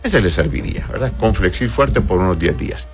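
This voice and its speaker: This doctor hosting a call-in show speaks briskly in a low, deep voice with lively intonation, music playing behind him. Reading out listener messages, he offers medical advice in a warm, uncle-like way, using endearments and frequently checking listeners are with him.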